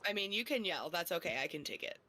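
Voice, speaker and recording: A woman's voice: lowish voice, animated, fast, crowd noise. A woman co-hosts a book podcast in easy, casual talk. She teases the others bluntly and swears without a second thought. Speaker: podcast co-host. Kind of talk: casual book-club chat.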